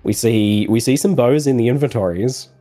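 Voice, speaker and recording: A man with a scratchy voice from a cold, commentating an esports race in a measured, analytical way with some fillers. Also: mid-range voice, warm tone, soft background music.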